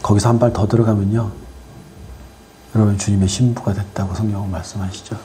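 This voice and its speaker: A preacher delivering a sermon, firing rhetorical questions at the congregation and swinging between loud exhortation and quiet asides. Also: low-pitched, fairly even intonation, fast talker, noisy background.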